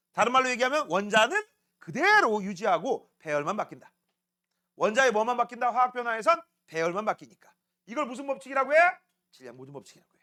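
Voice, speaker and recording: A man teaching a science class, quizzing students by name with quick questions in a casual, teasing way. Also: very high voice, bright, forceful tone. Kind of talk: classroom lecture.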